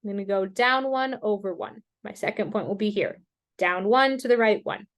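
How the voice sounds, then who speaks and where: A woman math teacher explaining graphing step by step in a slow, patient way, with self-deprecating asides, and she has the hiccups. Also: mid-range voice. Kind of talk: recorded screen-share math lesson.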